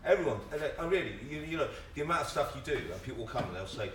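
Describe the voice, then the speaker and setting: Speaking on a theatre panel, this actor, whose family is from Singapore, has a rather high, animated and fairly bright voice. His delivery is casual yet emphatic, full of halting repetitions and exasperation as he argues. Audio comes from a far-off microphone, so it sounds roomy like a live stream, with a little noise.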